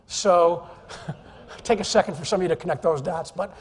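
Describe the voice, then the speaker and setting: A man giving an animated, joking keynote talk to a live audience in a conference hall, teasing the crowd as he goes. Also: sits high, moderate pace. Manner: animated, jokey, teases the audience. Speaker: keynote speaker. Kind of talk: energetic, humorous business presentation.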